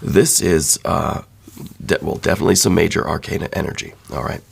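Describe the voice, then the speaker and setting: Here the tarot reader goes fairly quickly, though laryngitis still leaves his low voice hoarse and slipping into whispers. He stays soft and thoughtful, filling his reading with fillers and repetitions.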